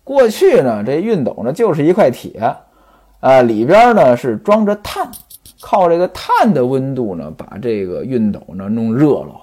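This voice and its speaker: Husky, animated male storyteller. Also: mid-range voice, moderate pace. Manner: chatty, explains old customs to listeners. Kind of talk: traditional storytelling with asides.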